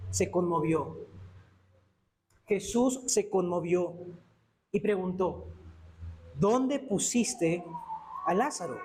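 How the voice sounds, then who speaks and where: A male pastor preaching a sermon in a church, impassioned, with sudden drops to a hush. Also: high voice.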